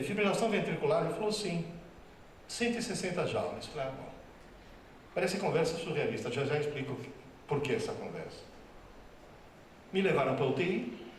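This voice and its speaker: A man giving a lively storytelling lecture at a school, acting out dialogue with different voices. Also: on the high side, a little hiss or hum. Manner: animated, acts out dialogue with voices. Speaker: teacher giving a talk. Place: school hall. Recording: very echoey hall, speaker far from mic.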